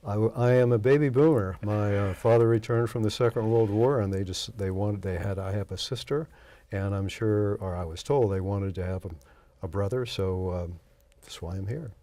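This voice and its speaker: A man in his sixties from Oklahoma, answering interview questions thoughtfully, pausing often with fillers. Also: lowish voice, mellow, dry recording. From Oklahoma, USA. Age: 60s. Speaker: interview guest.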